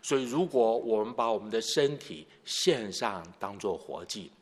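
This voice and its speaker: A man's voice: on the low side, lively intonation, normal speed, big-room sound. A man preaching a sermon who explains scripture at length and poses questions to the congregation. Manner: expository, poses rhetorical questions. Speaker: pastor.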